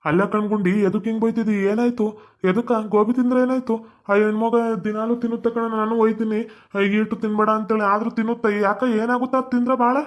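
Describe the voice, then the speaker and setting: A man's voice: high-pitched, little pitch movement, brisk, natural voice. A man playing a questioning village father-in-law with a North Karnataka Kannada accent. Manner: questioning, grumbling.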